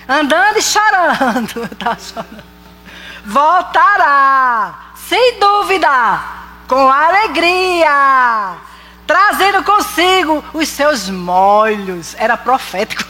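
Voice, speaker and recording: A woman preaching a sermon, expressive, laughing often and swinging between loud and soft. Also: sits high. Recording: reverberant hall with faint noise.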